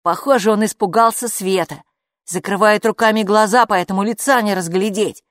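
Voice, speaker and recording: A woman doing a steady, sensible boy. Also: medium pitch, normal speed, no echo, clean studio sound, pitched above the performer's own voice, close to an everyday voice. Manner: steady, coaxing and firm. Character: sensible boy, calm and in charge. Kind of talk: audiobook character voice.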